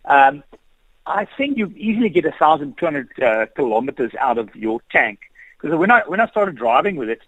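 A man with a croaky morning voice, chatting easygoing as a motoring guest on a radio interview, full of fillers. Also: on the high side, sing-song, normal speed, fairly bright tone, dry recording, lo-fi sound. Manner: easygoing, rambling, frequent fillers. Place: at home on a couch.

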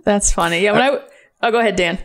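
Woman podcast host, mid-pitched, chatty, laughs easily. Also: fast talker. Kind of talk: casual chat.

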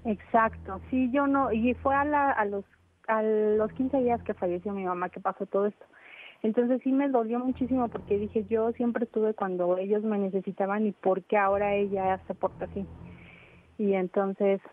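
A woman's voice: medium pitch, steady tone, moderate pace. Woman caller over a phone line. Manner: hesitant, restarts and repeats words. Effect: heard over a phone line. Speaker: radio call-in caller. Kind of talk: casual call-in chat. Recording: tinny phone line with faint music.

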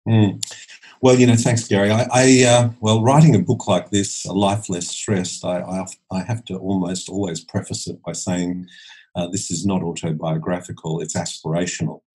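A man's voice: low-pitched, flat delivery, moderate pace, a little mellow, breathy edge, rough recording. A man in his sixties from Australia, a holistic dentist, talking as a podcast guest in a hesitant way with many restarts. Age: 60s. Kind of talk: podcast interview.

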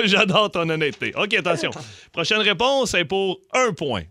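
A man's voice: sits high, sing-song, normal speed, bright, forceful tone. A middle-aged man with a Quebec French accent hosting a comedic radio quiz, joking and laughing as he reads out clues. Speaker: radio show host.

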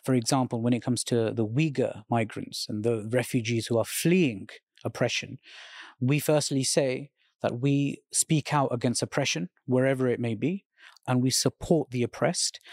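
A man's voice: mid-range voice, darkish tone, dry recording, studio quality. A man answering an interviewer's question at length. He speaks earnestly and retells conversations in detail. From Britain. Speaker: interview guest.

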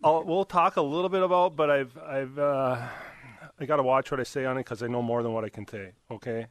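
A man's voice: medium pitch, fairly even intonation, a little fast, no echo. A man co-hosting a radio segment, talking in a chatty, jovial, rambling way. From Minnesota. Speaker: segment co-host. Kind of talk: casual radio talk.

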